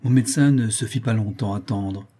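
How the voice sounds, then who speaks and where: A man narrating a classic novel as an audiobook in a measured literary reading. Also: fairly low pitch, dark tone. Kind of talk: scripted narration.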